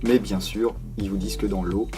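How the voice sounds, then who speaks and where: A man's voice: on the low side, steady tone, a little fast, mellow, soft background music. A man hosting his own video, reviewing a collectible replica in a casual, unscripted way, chatting with many hesitation fillers and self-deprecating asides.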